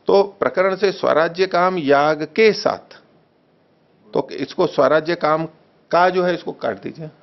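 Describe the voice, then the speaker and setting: A man teaching a text study class, reading a translation slowly, repeating phrases and correcting the wording patiently. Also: on the high side, creaky. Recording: dull lo-fi recording.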